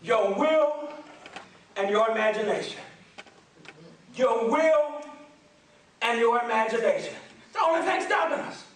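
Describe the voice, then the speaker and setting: Male preacher, very high-pitched, booming motivational delivery, insistent repetition, heard in a cavernous echo. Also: a little slow, long pauses. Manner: shouts emphatically, repeats phrases for the congregation to echo. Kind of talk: booming motivational sermon with call and response. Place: large echoing room with responding congregation. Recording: very echoey hall, distant mic.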